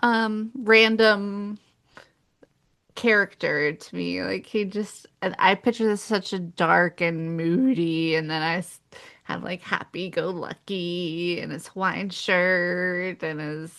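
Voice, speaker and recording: A woman co-hosting a podcast, talking about books in a sarcastic, drawn-out way with laughing asides. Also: on the low side, steady tone, a bit bright, clean tone. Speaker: podcast co-host. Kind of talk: casual book chat.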